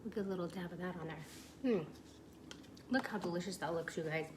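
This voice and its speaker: A woman's voice: lowish voice, a little fast, background noise. A woman hosting a casual home cooking show, chatting enthusiastically to her viewers as she demonstrates a recipe in her kitchen. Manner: chatty, enthusiastic, addresses viewers as "you guys".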